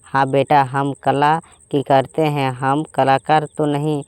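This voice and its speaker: A man's voice: medium pitch, flat delivery, takes it slowly, a little mellow, smooth, dry recording, studio quality, natural voice. A man voicing a chiding but motherly mother-in-law in a storybook tale. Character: mother-in-law, fussy then kindly. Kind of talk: storybook voice acting.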